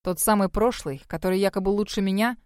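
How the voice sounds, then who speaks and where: A woman reader voicing a gruff, brooding male magic master who speaks curtly and low in an audiobook. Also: quick pace, darkish tone, no room sound, clean studio sound, natural voice. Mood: stern. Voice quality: low and growling. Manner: curt, demanding. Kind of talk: audiobook character voice.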